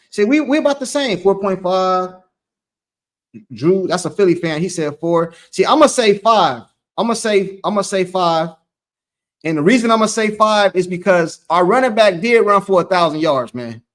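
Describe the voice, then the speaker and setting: A man's voice: high voice, fairly bright tone. A man hosting a loose, rambling sports talk show, reading from a live chat. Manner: loose, rambling, repeats himself. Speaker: host.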